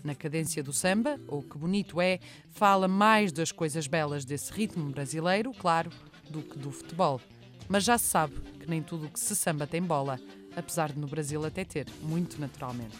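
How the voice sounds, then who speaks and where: A woman's voice: sits low, moderate pace, soft background music. Portuguese woman narrating a scripted feature. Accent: European Portuguese.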